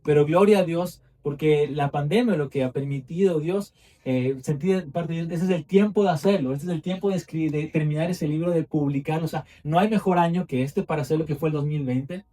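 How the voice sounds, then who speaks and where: A young man preaches with fervor, building his phrases through repetition. His voice sits fairly high but has a dark, mellow tone. He is heard from a distance, picked up by a mic in a church. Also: fairly quick. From Ecuador. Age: 20s. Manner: fervent, repetitive phrasing with rising emphasis. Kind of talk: sermon.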